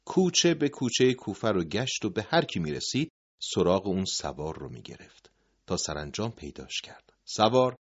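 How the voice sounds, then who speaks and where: A man with a fairly low voice narrates a dramatic storybook tale. His pitch moves widely and he sinks into hushed tones at the end of sentences. The recording is slightly dull and lo-fi. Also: very animated, breathy edge.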